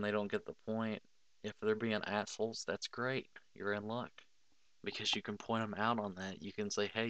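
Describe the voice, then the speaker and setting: Blunt, low-voiced young man swearing casually. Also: fairly bright tone, clean tone, no room sound. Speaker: gamer giving advice. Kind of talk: casual screen-recording commentary.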